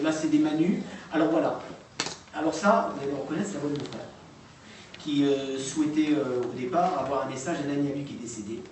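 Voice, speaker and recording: A man's voice: mid-range voice, darkish tone. Guy rambling to an audience, lots of euh and voilà, sounds far off and echoey. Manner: hesitant, full of fillers and restarts. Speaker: presenter of recordings to an audience. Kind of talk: informal talk to a live audience. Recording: echoey room, distant mic, noisy.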